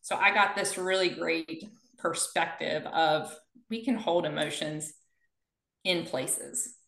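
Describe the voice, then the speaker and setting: Bright-voiced woman physical therapist, echoey room. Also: low-pitched, slow, vocal fry. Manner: energetic storyteller, acts out quoted dialogue. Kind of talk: conversational interview.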